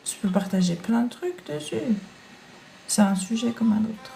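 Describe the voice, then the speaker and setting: Hosting a casual live shopping stream, a woman with a non-French foreign accent chats with viewers she calls family and reads their comments aloud. Her voice is a little high, expressive, gravelly and mellow, at normal speed. The poor audio carries some hiss or hum, with praise music playing behind.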